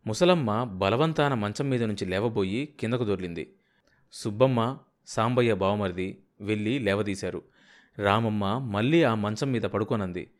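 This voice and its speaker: A man narrating a novel as an audiobook reader in a steady, measured way. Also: fairly low pitch.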